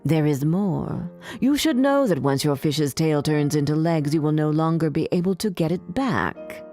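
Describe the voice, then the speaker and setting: Wicked old sea witch for a storybook reading, deep dark drawl, slow and cold, put on by a woman. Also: expressive, soft background music. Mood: warning. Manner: slow, low and threatening.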